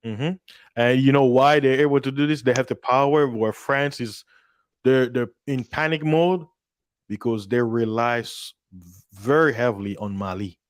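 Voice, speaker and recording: A man in casual political discussion, telling a story in an animated way and acting out the voices of the people he quotes. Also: mid-range voice, normal speed, dry recording, clean studio sound.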